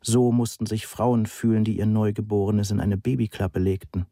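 A man narrating an audiobook with dry, wry timing. His voice is low and mellow. The recording is close and dry, with no room sound. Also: flat delivery, moderate pace, dry recording.

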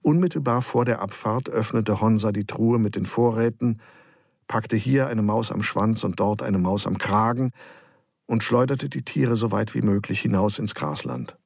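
Gravelly low-voiced male storyteller. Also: normal speed, darkish tone, dry recording, studio quality. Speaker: audiobook narrator. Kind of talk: scripted narration.

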